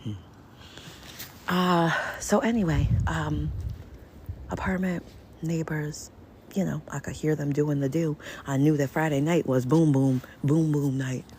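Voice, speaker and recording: Woman vlogger, casual story from home, unhurried, hesitant restarts, soft near-whispered asides, faint room hum. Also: sits low, fairly even intonation. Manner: halting, many fillers and restarts, drops to near whispers. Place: indoors at home.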